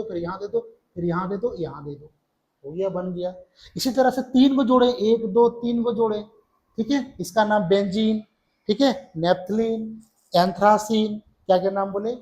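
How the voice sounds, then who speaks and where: Male chemistry tutor, middle-aged, high voice, drills terms by asking them back, counts aloud while drawing. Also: normal speed, darkish tone, low-quality recording. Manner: repeats key terms as questions to students. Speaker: chemistry teacher. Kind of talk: classroom lecture.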